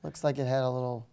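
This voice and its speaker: A young American man chatting in an easygoing, relaxed way with a lot of fillers. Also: mid-range voice, vocal fry, smooth. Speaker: guest. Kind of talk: casual chat.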